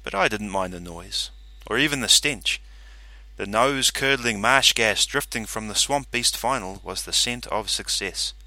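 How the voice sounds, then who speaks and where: Low-voiced man reading a story. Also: no echo. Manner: steady, measured storytelling. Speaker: audiobook narrator. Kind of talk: scripted narration.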